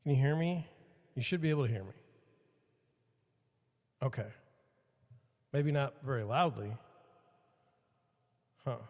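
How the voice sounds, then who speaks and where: With medium pitch, lively intonation, and a measured pace, a podcast host pauses often, his slightly mellow voice trailing a long reverb. He rambles casually to livestream viewers, self-deprecating, while replacing his mic mount on a studio mic with changing levels.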